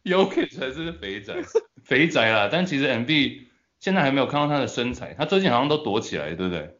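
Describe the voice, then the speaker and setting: A man with a Taiwanese Mandarin accent hosting casual sports banter in a teasing way, quick to laugh. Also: medium pitch, big pitch swings, fairly bright tone, dull audio. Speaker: host.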